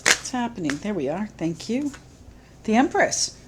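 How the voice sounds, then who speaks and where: Woman, tarot reader, musing, slightly choked up, mid-pitched voice. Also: sing-song, heavy background noise. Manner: gentle, slow, musing, repeats phrases. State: slightly choked up, clearing throat. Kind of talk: solo tarot reading to camera.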